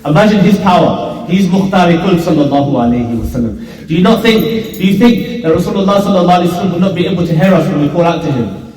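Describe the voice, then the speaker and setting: Echoing imam preaching in a mosque. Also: male voice, high voice, quick pace, a little mellow. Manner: emphatic, repeats phrases for stress. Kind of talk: Friday sermon. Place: mosque prayer hall. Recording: echoey hall from far off.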